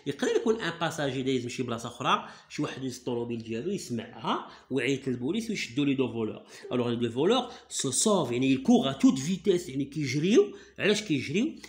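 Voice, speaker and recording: A man with a Moroccan accent tutoring a child in reading, coaxing and repeating words to drill them. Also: mid-range voice. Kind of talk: reading lesson. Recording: echoey room.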